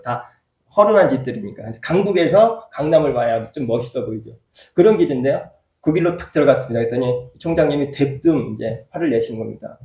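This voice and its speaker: A man's voice: medium pitch, mellow. A man preaching as a church pastor, telling a personal story and then rising into emphatic preaching. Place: church sanctuary. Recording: echoey church hall, voice from far off.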